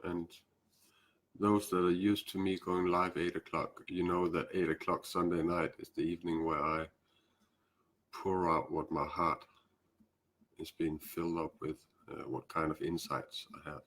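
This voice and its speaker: This man from Denmark hosts a casual spiritual live stream in English, a second language he speaks with a Danish accent, hesitating and filling gaps with "uh" and "um." His low voice is a bit bright with little pitch movement, and there's slight background noise.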